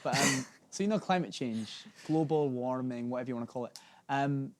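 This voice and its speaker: A man's voice: medium pitch, normal speed, close to an everyday voice. A young man doing a jokey fake Scottish accent. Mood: mock-earnest. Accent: put-on Scottish. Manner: jokey, laughing, rambling.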